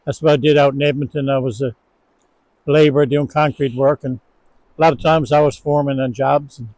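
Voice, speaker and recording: A man's voice: mid-range voice, fairly even intonation, fairly quick, darkish tone, no echo, low-quality recording. A man in his sixties with a Newfoundland accent, chatting outdoors in short, plain-spoken remarks. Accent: Newfoundland English. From Newfoundland, Canada. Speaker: co-host. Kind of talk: casual chat. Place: outdoors, with snow falling.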